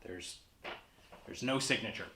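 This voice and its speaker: A man hosts a holiday horror movie show in a casual style, speaking unhurriedly in a lowish voice with a hesitant, rambling, awkwardly comic delivery. The recording is roomy and echoey, with a noisy background.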